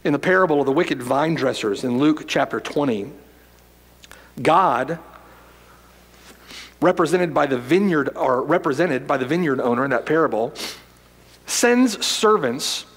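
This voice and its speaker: A male pastor preaching a sermon emphatically, repeating phrases and swinging from loud declarations to hushed lines. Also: a little high, lively intonation, unhurried, long pauses, slightly rough, long reverb tail.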